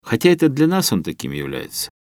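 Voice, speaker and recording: A calm and kindly older professor in an audiobook, as a male narrator voices him. His speech is measured and explanatory, gentle rather than sharp. The sound is close and dry. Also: mid-range voice, dry recording, pitched above the performer's own voice.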